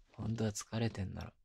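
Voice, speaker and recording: A man playing an adoring, teasing young boyfriend in whispered role-play pillow talk, murmuring casually and intimately with a husky, breathy voice into a close binaural microphone. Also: fairly low pitch, darkish tone, no echo, heavily acted. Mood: tender teasing.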